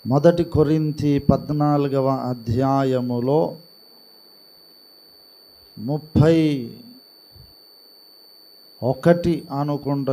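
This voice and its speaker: A man preaching a sermon in a calm, gentle way, speaking softly rather than shouting. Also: on the high side. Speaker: pastor. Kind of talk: slow, soft-spoken Telugu sermon.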